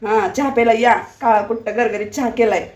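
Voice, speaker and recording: Hoarse, chatty woman. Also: a little high, fairly even intonation, brisk, lo-fi sound. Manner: chatty, playful, talks to her viewers. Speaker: home cooking vlogger. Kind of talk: casual chatty cooking vlog.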